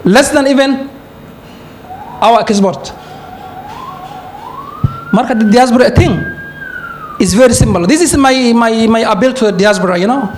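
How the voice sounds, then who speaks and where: High-voiced man with a Somali accent. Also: normal speed, pauses often, a little hiss or hum. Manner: emphatic lecturing, with asides and chuckles. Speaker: forum speaker, university lecturer. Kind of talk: conference talk mixing English and Somali.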